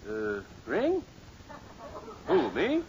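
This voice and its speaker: A man's voice: a little high, wildly swooping pitch, drawn-out words, a little mellow, full character voice. An actor playing a flustered middle-aged suburban father in a 1950s radio sitcom. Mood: evasive. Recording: muffled, noisy old 1950s radio recording.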